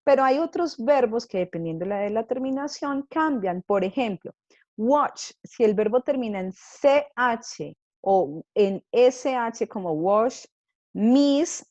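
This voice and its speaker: A woman's voice: medium pitch, no room sound, highs cut off. A woman English teacher giving a grammar lesson, explaining patiently step by step and checking in with her students often.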